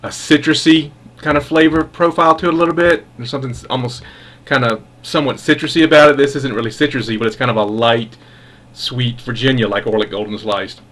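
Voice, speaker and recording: A man giving a casual product review as a pipe tobacco reviewer, musing in an unhurried, halting way with savoring enthusiasm. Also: medium pitch, fairly even intonation, a bit bright.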